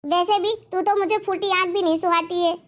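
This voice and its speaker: A woman voicing a domineering, quick-tempered middle-aged mother-in-law in a cartoon story, taunting and scolding. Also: steady tone. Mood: bossy. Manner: taunting, bossy, shrill scolding.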